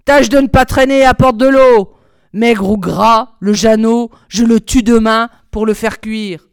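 Woman doing a cruel greedy old witch, shrill, bossy, storybook, smooth tone. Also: steady tone, normal speed, no room sound, studio quality, natural voice. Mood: barking orders.

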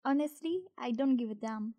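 A woman's voice: a little high, moderate pace, warm tone. A woman playing a blunt, dismissive young crewmate in a student audio drama.

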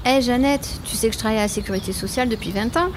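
Woman as high-voiced, proud civil servant. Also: rapid-fire, noisy background, natural voice. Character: Soline, proud contented female social security veteran of twenty years. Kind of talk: amateur scripted audio drama.

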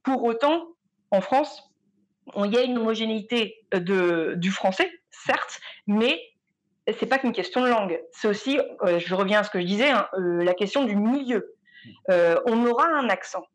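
A woman's voice: mid-range voice, moderate pace. Colloquial woman panel guest. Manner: lively, colloquial, some fillers. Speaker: artist, conference guest. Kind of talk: panel discussion.

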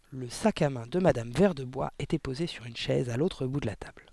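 An expressive audiobook narrator telling a children's story. The reading is animated, with lively shifts in pitch. The recording is dry and close. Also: no room sound.

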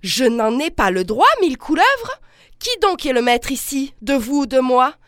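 A woman's voice: sits high, normal speed, no room sound, clean studio sound, voice pushed up. A woman reading aloud the lines of a domineering, furious male colonel husband, blustering and scornful. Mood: angry. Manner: blustering, scornful, shouting insults.

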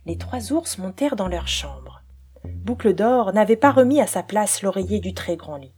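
A woman's voice: medium pitch, lively intonation, normal speed, a little mellow. A woman reading a children's storybook expressively, dropping to a whisper at times. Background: faint forest-themed music.

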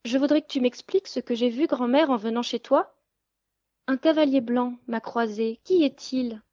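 A woman's voice: high voice, animated, unhurried, dark tone, dull audio, pitched above the performer's own voice. A woman voicing a timid young peasant girl in a storybook reading, stammering and pleading.

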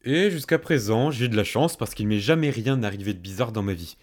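A man's voice: fairly low pitch, expressive, fairly quick. A young man narrating a first-person story in a fireside storytelling style, with a colloquial, self-mocking comic touch. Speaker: host and storyteller.

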